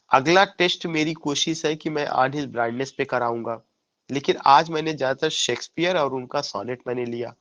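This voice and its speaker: A man's voice: medium pitch, a bit bright. A male teacher giving an exam-prep lecture on English poetry. He asks a question and answers it himself, repeating the key points so students remember them. He mixes English literary terms into his Hindi.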